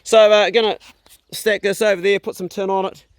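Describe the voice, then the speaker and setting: A man's voice: high voice, level tone, a little fast, dry recording. A man with a broad New Zealand accent, vlogging casually and thinking aloud in a blokey, sweary, colloquial way. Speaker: outdoor vlogger. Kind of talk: casual vlog, thinking aloud while demonstrating.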